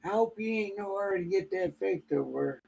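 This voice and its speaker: A man's voice: sits high, expressive, brisk, creaky, dark tone, low-quality recording. A man hosting a livestream, chatting casually in a blunt, colloquial way. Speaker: livestream host. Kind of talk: casual chat.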